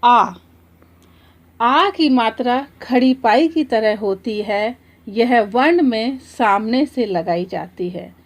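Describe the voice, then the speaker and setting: Woman teacher, school lesson for children, drawn-out example words, very unhurried delivery. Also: fairly high pitch. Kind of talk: slow, deliberate classroom explanation.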